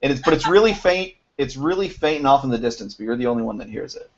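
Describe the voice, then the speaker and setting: A man acting as game master, narrating a tabletop game in a loose, halting way with frequent laughs. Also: mid-range voice, lively intonation. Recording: dull lo-fi home recording with faint noise.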